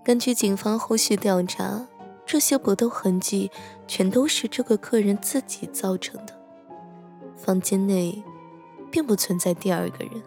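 A woman voicing a soft-spoken young hotel attendant in an audio drama, gently teasing her guest before dropping into a hushed, slow telling of a ghost story. Her voice sits at a middle pitch, and faint music plays underneath. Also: close to an everyday voice. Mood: eerie. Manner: gentle, teasing, slows and hushes for eerie moments. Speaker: hotel staff member telling a ghost story to a horror writer.

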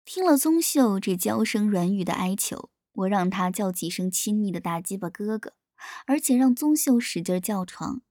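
Female narrator for an adult audio story, steady read, medium pitch, dry recording. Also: normal speed, no echo. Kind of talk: scripted narration of an erotic story.

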